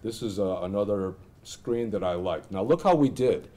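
Man, middle-aged, American accent, low pitch, mellow tone, conversational lecturer thinking aloud. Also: expressive, moderate pace. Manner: conversational, thinks aloud, asks rhetorical questions. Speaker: instructor presenting clinical simulations. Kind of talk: informal lecture with software demonstration. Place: indoor classroom at a lectern.

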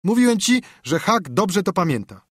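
A man's voice: sits high, sing-song, normal speed, husky, no echo, voice pushed up, heavily acted. A man doing an eager, bragging young boy. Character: boastful young boy, excited pirate.

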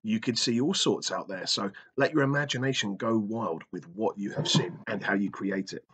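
His voice is fairly low and husky yet fairly bright, moving at a moderate pace. The man, in his thirties, hosts a children's activity video from a small brick-walled room, joking, explaining like a teacher, and bantering with a silent toy puppet in front of a webcam.

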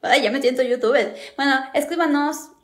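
A woman's voice: high-pitched, normal speed. A young woman acting out comedy skits with a sassy, playful delivery. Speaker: comedy sketch creator.

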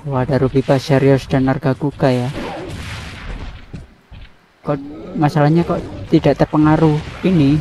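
A man giving casual let's-play commentary on a video game, excitable and repeating words in quick bursts. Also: a little high, slight background noise. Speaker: gameplay commentator. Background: game music.

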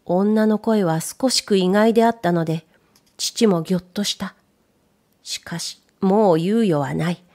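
Female narrator, mellow and dark in tone, measured storybook reading with hushed dips. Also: mid-range voice. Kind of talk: scripted narration of a period story.

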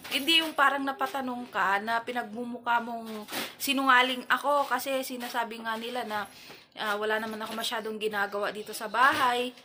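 A woman's voice: fairly high pitch, fairly even intonation, brisk, bright, forceful tone, a little hiss or hum. A woman from the Philippines chatting casually to her viewers, rambling with many fillers and restarts. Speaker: vlogger. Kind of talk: casual gossip chat to viewers. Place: family home.

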